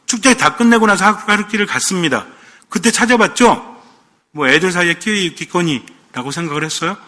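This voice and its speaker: Bright-voiced priest in a reverberant hall. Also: male voice, high voice, expressive, a little fast. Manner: asks the congregation questions, playful asides. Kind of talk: sermon.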